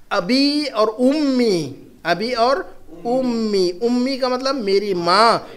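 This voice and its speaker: A man teaching an Arabic class with an Urdu accent, slowly repeating each phrase and checking that students understand. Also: sits high, fairly bright tone. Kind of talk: classroom lesson.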